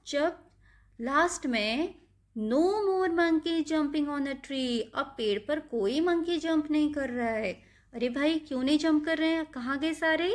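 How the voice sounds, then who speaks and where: Woman teacher, high and unhurried, walks kids through a rhyme with questions. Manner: slow, patient explaining with questions to the class. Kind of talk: explaining a nursery rhyme to children.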